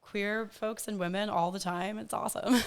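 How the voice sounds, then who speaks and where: A woman's voice: medium pitch, animated, a little slow, vocal fry. A woman chatting as a podcast guest, rambling with lots of fillers and frequent laughter. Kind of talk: casual chat.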